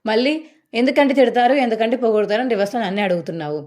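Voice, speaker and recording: A woman's voice: on the high side, very fast, darkish tone, lightly acted. A woman voicing a sarcastic, stern older husband in a retold TV serial, lecturing his wife.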